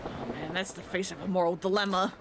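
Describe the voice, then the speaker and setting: A woman's voice: lowish voice, brisk, creaky, noisy background. A woman streamer making wry, casual asides while playing a game.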